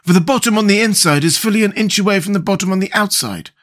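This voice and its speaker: A man's voice: high voice, fast, a bit bright, voice pushed up. A man voicing a curious, fretful living scarecrow in a fussy, emphatic storybook manner.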